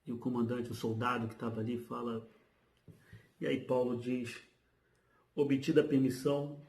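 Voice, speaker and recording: A man preaching a sermon, reading Bible passages aloud and then explaining them in relaxed, everyday speech. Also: medium pitch, normal speed, gravelly. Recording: roomy, echoey.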